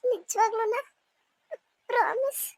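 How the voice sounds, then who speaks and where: A woman's voice: extremely high pitch, slow pace, dry recording, exaggerated voice, poor audio. A woman doing a weak, tearful young wife. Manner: faint, broken speech. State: crying. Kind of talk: cartoon voice acting.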